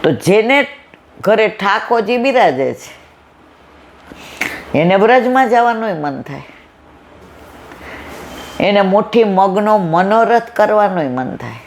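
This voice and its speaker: A woman's voice: medium pitch, sing-song, slow, pauses often, a little hiss or hum. Woman satsang speaker, folksy devotional storyteller who voices her characters. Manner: acts out family dialogue in a folksy style.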